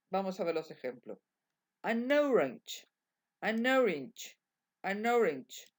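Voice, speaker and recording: A woman, teaching English grammar in a slow, repetitive bilingual lesson. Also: medium pitch. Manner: slow, repetitive drilling of examples.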